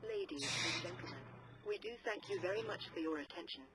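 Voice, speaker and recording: Flight attendant, woman, slightly low pitch, reading a formal cabin announcement to passengers. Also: animated, a little fast. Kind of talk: scripted airline cabin announcement.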